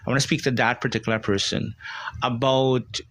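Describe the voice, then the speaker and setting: A man's voice: medium pitch, level tone, fairly quick, fairly bright tone. A man hosting a podcast round table, rambling and repeating himself in an upbeat way as he introduces a guest. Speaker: host. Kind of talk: podcast interview.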